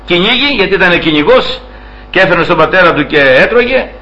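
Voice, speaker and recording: A man preaching a sermon, retelling a story with lively acted-out dialogue and occasional laughter. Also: muffled recording. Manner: acts out quoted dialogue with raised pitch, laughs while telling.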